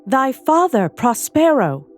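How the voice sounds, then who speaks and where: A woman voicing an airy female island spirit who greets her mistress in a high, lilting, courtly manner. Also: sing-song, slow, a little mellow, soft background music, exaggerated voice. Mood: eager.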